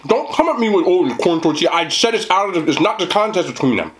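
A man's voice: high-pitched, sing-song, fast talker, a bit bright, a little hiss or hum. Young guy eating on camera, slangy and jokey, voice jumps all over, chews between lines. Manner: slangy, joking, talks while chewing. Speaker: food reviewer. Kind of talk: mukbang eating chat.

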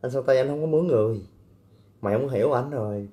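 Guy on a livestream, warm dark voice, trash talks and teases viewers. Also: mid-range voice, fast talker. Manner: brash, teasing, coarse banter with blunt street slang. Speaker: livestream host. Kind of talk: casual livestream chat reading viewer comments.

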